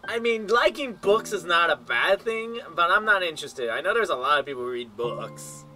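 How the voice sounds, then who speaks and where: Bright-voiced rambling young man. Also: sits high, lively intonation, moderate pace, slight background noise. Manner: rambling, self-correcting, says "you know" a lot. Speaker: co-host gamer. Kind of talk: casual gaming chat. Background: game music.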